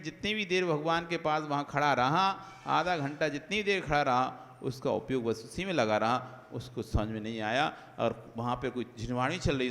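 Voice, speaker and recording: A man's voice: medium pitch, fairly bright tone. A man giving a conversational sermon as a Jain monk, listing examples one after another and asking rhetorical questions. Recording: long hall reverb.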